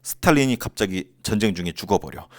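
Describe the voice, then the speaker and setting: A man teaching a high school history lesson in a casual, joking way, with teasing asides and short acted-out quotes. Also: animated, quick pace, no room sound. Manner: playfully acts out short quotes. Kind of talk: lively casual lecture.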